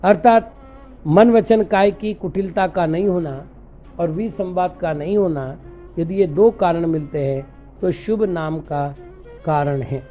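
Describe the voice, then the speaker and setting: Slow, high-voiced monk teaching scripture. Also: male voice. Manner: recites Sanskrit verses slowly and deliberately, then explains them plainly; patient, explanatory, corrects common misreadings. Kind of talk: scripture lecture in Hindi. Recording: dull lo-fi recording with faint music.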